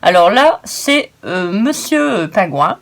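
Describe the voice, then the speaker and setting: A woman's voice: mid-range voice, very animated, slow pace. Chatty woman showing crafts, stumbling. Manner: chatty, hesitant, stumbles over words; gushing and enthusiastic. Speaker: craft video host. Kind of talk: casual crafting demonstration.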